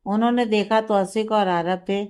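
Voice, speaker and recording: Smooth-voiced woman narrating a story. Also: mid-range voice, fairly even intonation, normal speed, a little mellow.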